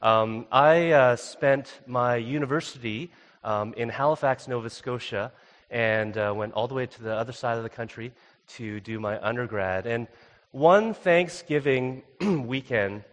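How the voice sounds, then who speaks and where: A man's voice: mid-range voice, a little slow. Young male guest preacher, chatty storytelling style, church reverb. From Canada. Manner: casual, many fillers, animated when telling the story. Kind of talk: storytelling sermon. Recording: long reverb of a church hall.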